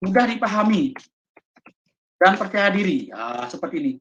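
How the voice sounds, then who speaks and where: A woman with an Indonesian accent leading a teacher training session, explaining slowly and haltingly with many fillers. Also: medium pitch, big pitch swings, fairly bright tone. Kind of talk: online training lesson. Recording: dull lo-fi audio.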